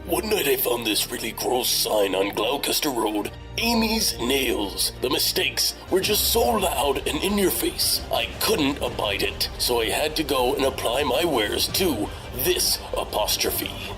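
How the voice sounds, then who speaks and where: A man's voice: medium pitch, sing-song, unhurried, over music, rough recording. An anonymous man interviewed with his voice disguised for his protection, speaking in an earnest, indignant way. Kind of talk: interview soundbites.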